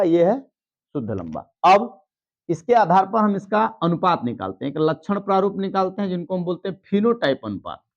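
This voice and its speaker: Guy teaching biology at a board, highish voice, goes step by step, kinda dull lo-fi sound. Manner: explains step by step, checks in with students. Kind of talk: blackboard lesson.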